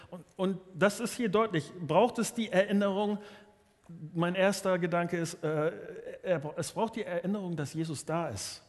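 A man's voice: fairly high pitch, in a large hall. A man preaching a sermon earnestly, often restarting and repeating his words. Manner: earnest, many restarts and repetitions.

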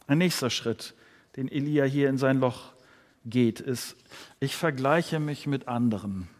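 A man's voice: mid-range voice, measured pace. A man preaching a sermon, earnest, speaking directly to his listeners. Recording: long hall reverb.

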